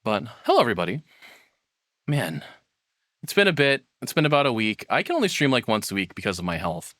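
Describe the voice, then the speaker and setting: This livestream host chats loosely with his audience from his room, wandering between topics with self-deprecating humor. He speaks a little fast in a sing-song, fairly bright mid-range voice, recorded clean and dry on a close, processed streaming microphone.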